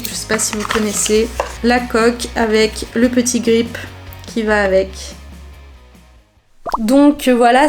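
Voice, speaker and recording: A woman's voice: fairly high pitch, darkish tone. A young woman vlogger chatting casually and informally, showing clothes to the camera with slang and fillers.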